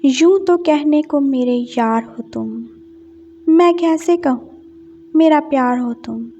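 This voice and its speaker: Storybook voice: a sensitive young poet, sulky and tender, high-pitched and soft-edged, read by a woman, dull lo-fi sound. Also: takes it slowly, a little hiss or hum.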